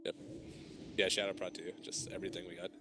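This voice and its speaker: A man's voice: low-pitched, level tone, fast, music in the background. A man leading an online game raid over voice chat, giving urgent callouts and repeating short commands to his teammates. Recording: noisy gaming voice chat.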